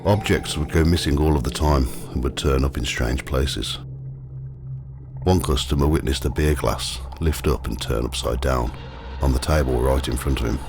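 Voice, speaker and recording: A man narrating a scripted ghost walk as the guide, telling the stories in a measured, matter-of-fact way. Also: rumbling low, music in the background. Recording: clearly noisy, ambient sound behind.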